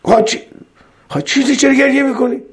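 A man's voice: very high-pitched, steady tone, pitched above the performer's own voice. A man voicing a proud, boastful caliph who coaxes a holy fool. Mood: coaxing. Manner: boastful, coaxing.

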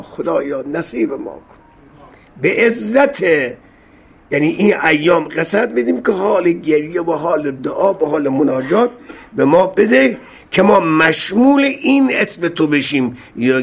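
Guy preaching, husky rough voice, pleading, gets loud. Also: a little high. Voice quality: gravelly, husky. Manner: fervent, pleading, rises into loud cries. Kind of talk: religious sermon with supplication.

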